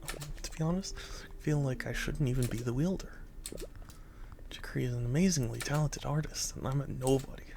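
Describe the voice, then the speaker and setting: A man voicing a gloomy, self-doubting artist hero in a video game, in a quiet, confiding manner. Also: mid-range voice, fairly quick, gravelly, pauses often, noisy background, natural voice. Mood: downcast. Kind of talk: reading video game dialogue aloud.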